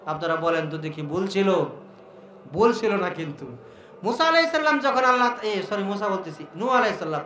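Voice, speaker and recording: A man's voice: sits high, expressive, brisk, pushed and bright. A male preacher with a Mymensingh Bengali accent giving a waz sermon, asking the crowd rhetorical questions. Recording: echoey hall with music.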